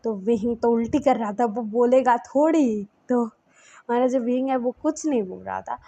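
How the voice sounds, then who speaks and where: A woman's voice: fairly high pitch, moderate pace, dark tone. A young woman casually retelling a fan-written love story, chatty and full of fillers and restarts.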